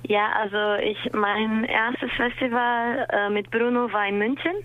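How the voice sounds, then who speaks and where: A woman in her twenties with a Brazilian accent, answering a live interview as a dance teacher in halting German and laughing often. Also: fairly high pitch, fairly even intonation, narrow, tinny audio. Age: 20s. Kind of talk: live interview over a call.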